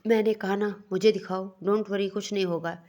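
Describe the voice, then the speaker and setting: A man's voice: sits high, steady tone, moderate pace, a little mellow, close to an everyday voice. A woman voicing a stern young husband, cold but caring, who talks in curt, scolding lines.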